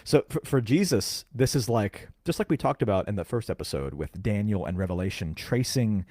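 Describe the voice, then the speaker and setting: Man, low voice, animated pitch, dry close sound, casual bible teaching, stresses key words. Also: no room sound. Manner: explains carefully, stresses key words, quotes scripture slowly. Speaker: podcast co-host.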